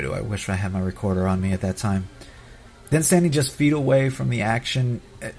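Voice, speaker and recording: Creaky-voiced man sharing memories. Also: fairly low pitch. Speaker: podcast host narrating family trip memories. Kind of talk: personal audio storytelling.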